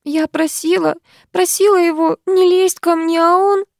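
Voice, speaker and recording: Woman voicing a shrill, sobbing schoolgirl. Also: brisk, smooth, no echo, studio quality, lightly acted. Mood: tearful. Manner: shrill, tearful outbursts. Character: sobbing, hysterical teenage schoolgirl, accusing.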